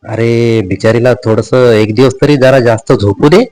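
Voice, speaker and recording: A man's voice: mid-range voice, lightly acted. A man doing a teasing, bossy mother. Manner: coaxing, brisk, hushed at times. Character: playful, bossy middle-aged mother, teasing.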